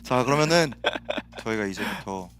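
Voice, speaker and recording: A man's voice: fairly low pitch, lively intonation, moderate pace, a bit bright, smooth. A young man hosting a casual variety-style show, playfully emceeing and bantering with his friends. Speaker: show host. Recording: music behind the voice.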